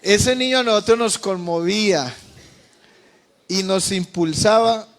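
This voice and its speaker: A Colombian man preaching as a pastor, telling a testimony with passion, moving between quiet and loud. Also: high voice, a little slow. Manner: impassioned, swings from quiet to loud. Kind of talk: sermon testimony.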